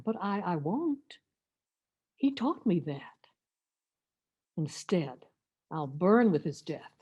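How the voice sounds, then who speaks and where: Speaking as Mary Magdalene, the anguished, defiant former prostitute of the Bible, a woman reads a dramatic first-person church meditation with theatrical emotion. Her voice is fairly low and slightly rough, and the recording's highs are cut off.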